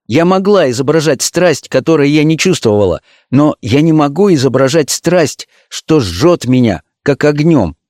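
A man's voice: on the high side, lively intonation, normal speed, hardly any pauses, darkish tone, no echo, clean studio sound, voice pushed up, close to an everyday voice. A man voicing an ardent young actress. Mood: pleading. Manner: impassioned, lyrical. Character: young actress in love, ardent, dreamy woman. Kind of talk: audiobook reading.

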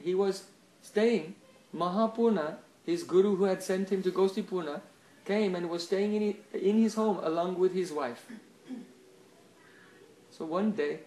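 A man with a high-pitched voice tells a devotional story as a spiritual teacher. He talks in an animated way and checks in with listeners with a quick "huh?" between story beats. His voice echoes around the room.

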